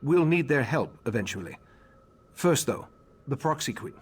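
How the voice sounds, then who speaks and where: An actor voices a grave, remorseful elderly high elf who leads mages in a fantasy game, a scholarly figure. His male voice sits at medium pitch with lively intonation, and he speaks formally, with measured, slightly husky delivery. The tone is solemn and informative, like careful exposition.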